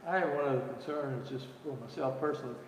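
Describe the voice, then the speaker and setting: A mid-pitched man speaks up as a board member with a polite concern. He is hesitant and restarts his phrases. The room around him is echoey, with a long reverb. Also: quick pace, slight background noise. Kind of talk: raising a question at a board meeting.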